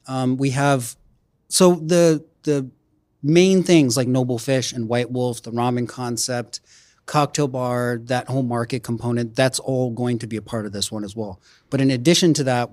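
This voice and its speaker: A man's voice: mid-range voice, a little mellow, no echo. A man from a restaurant group explaining plans in a conversational interview, often tagging his points with "right?". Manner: explanatory, frequent "right?" tags.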